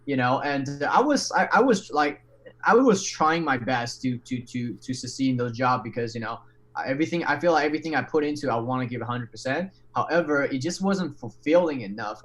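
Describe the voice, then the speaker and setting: Appearing as a guest on a podcast, this Taiwanese man speaks English at a brisk clip in a medium-pitched voice. His storytelling is lively and frank, sprinkled with casual profanity and frequent false starts.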